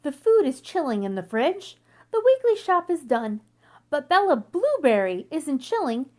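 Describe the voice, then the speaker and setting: A woman whose voice sits high reads a children's picture book aloud, giving the tale a careful, expressive storytelling treatment.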